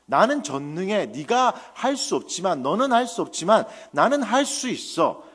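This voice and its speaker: A man's voice: high voice, sing-song, moderate pace, fairly bright tone, slightly rough, in a large hall, voice pushed up, heavily acted. A man voicing God as a stern almighty deity rebuking a wayward follower, with emphatic declarations. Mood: stern rebuke.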